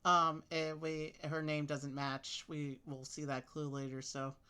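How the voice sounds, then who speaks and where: A woman's voice: sits low, measured pace. A woman reading game clue texts aloud and chatting casually with a co-player about solving a mystery. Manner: steady, clear reading of clue text.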